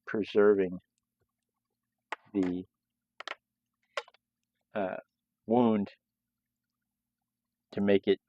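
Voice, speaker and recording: A man's voice: fairly low pitch, no room sound. A man hosting a live sketching stream, talking casually while he draws, in a loose, rambling way with frequent restarts. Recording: dull, lo-fi sound.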